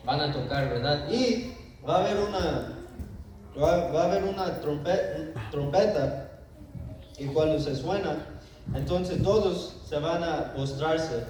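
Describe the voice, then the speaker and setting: A man with a fairly high voice tells a Bible story to his congregation in a loose, chatty way, stepping into the characters' lines as he goes. He sounds distant from the microphone, his words ringing around a large, echoing church hall. A steady background noise runs under the whole recording. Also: slow, long pauses. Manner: conversational, acts out the king's lines, tag questions. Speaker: preacher. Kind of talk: informal Bible lesson to a congregation.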